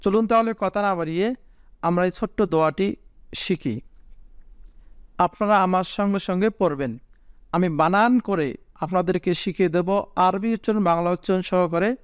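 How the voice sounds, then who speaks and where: A man teaching a prayer to viewers, spelling out the Arabic letters slowly and patiently with a Bangladeshi Bengali accent. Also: high voice, smooth, no echo, studio quality. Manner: slow, patient spelling of Arabic letters, drawn-out chanted recitation. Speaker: religious teacher.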